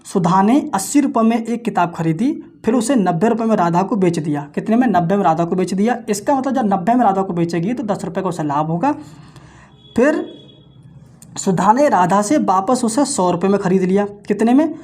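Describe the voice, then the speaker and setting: An exam-prep maths lecturer, male, solves sums out loud through fast times-table chants and keeps calling his viewers friends. He poses and answers his own questions. His voice sits high, animated and darkish in tone.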